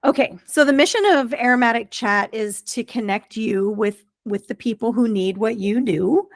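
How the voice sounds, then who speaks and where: A woman's voice: fairly high pitch, moderate pace, no room sound, clean studio sound. A woman hosting a podcast, asking friendly, encouraging questions of her guest in a casual interview. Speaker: podcast host.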